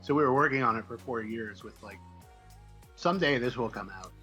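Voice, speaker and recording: He talks briskly at medium pitch over music: a Midwestern American comic book writer, telling stories in a casual, hesitant, digressive way as an interview guest.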